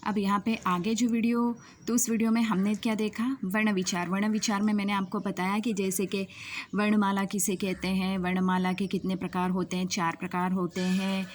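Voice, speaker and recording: A woman teaching a grammar lesson to students, asking questions and slowly repeating each key definition. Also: medium pitch, level tone, slight background noise.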